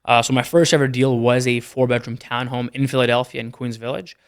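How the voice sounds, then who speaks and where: Talking a little fast, a young Canadian entrepreneur chats casually as a podcast guest and lists his business numbers in a matter-of-fact manner. His voice sits in the middle range, moves little in pitch, and sounds smooth.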